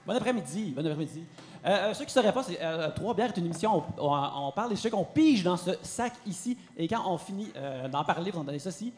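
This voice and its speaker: A man's voice: high-pitched, animated, quick pace, darkish tone, slight background noise. A man co-hosting a live podcast, talking with many hesitations. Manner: hesitant, many fillers, friendly. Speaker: podcast co-host. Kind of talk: casual chat on a live podcast.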